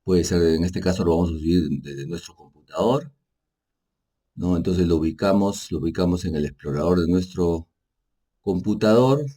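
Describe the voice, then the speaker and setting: This man, an energy manager, speaks Spanish as his first language and walks through software in an unscripted screen share. The voice is low, deep, dark and mellow; the pace is relaxed and casual. He often says "pues," tacks on little "¿no?" questions, and corrects himself mid-narration.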